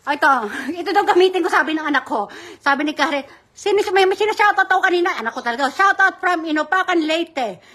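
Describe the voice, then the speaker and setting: A mother hosting a live-stream giveaway, chatting casually and giving shout-outs to viewers as she reads their comments. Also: very high-pitched, fast talker. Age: adult mother. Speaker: livestream host running a giveaway.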